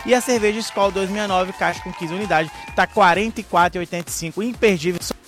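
A Brazilian man pitching supermarket offers live on radio like a market barker, reeling off products and prices. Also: fast talker, fairly bright tone, soft background music. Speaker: supermarket spokesman reading out offers.

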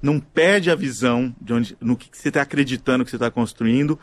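A man's voice: mid-range voice, fast. A man, a business founder, speaking reflectively in an interview clip.

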